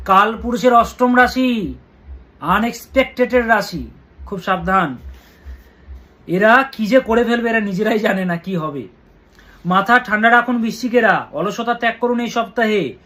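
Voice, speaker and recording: A man with a Bengali accent, an astrologer giving earnest weekly horoscope advice and slowly chanting mantras. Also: high-pitched, a bit bright.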